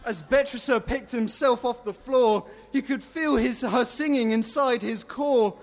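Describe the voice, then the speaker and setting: A man narrating a fairy-tale story in a measured, rhyming way. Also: very high-pitched.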